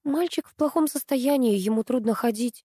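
A woman's voice: a little high, normal speed, warm tone, breathy edge, no room sound, clean studio sound. Timid pleading woman, as a woman reader puts her on. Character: timid soft-hearted woman teacher.

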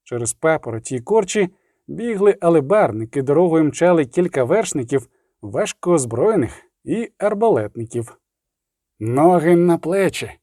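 A man's voice: on the high side, sing-song, normal speed, warm tone, no echo. A man narrating an audiobook with a vivid, dramatic reading on a close studio mic.

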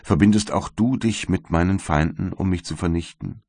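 A man's voice: low-pitched, moderate pace, darkish tone, husky, no echo, clean studio sound. Man reading as Justine, a weeping condemned young maid. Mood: despairing. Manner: tearful, imploring. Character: condemned young servant woman, weeping and devout.

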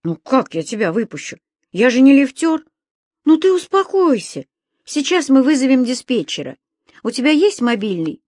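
A woman voicing a kindly old man who calmly reassures and gently lectures in an audiobook story. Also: high voice, moderate pace, dry recording, clean studio sound, pitched above the performer's own voice. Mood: reassuring. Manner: calm, soothing, a little lecturing.

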